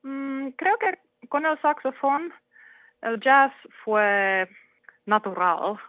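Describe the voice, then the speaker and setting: A Finnish jazz saxophonist giving halting interview answers in a learned language, pausing often to search for words. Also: high voice, dry recording. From Finland. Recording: tinny phone-like line.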